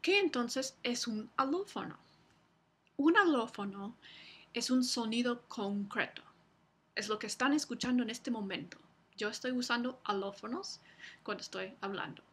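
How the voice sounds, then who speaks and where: A woman university lecturer giving a recorded lecture, explaining slowly with frequent fillers and restarts. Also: a little high, expressive, fairly bright tone, slightly rough.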